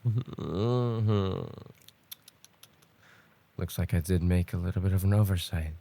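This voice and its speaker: In an ASMR roleplay, a man plays a possessive stalker, taunting with smug menace in an unhurried, mock-tender way. His gravelly, husky voice sits low and mellow, heavily acted, and the mood is controlled and threatening.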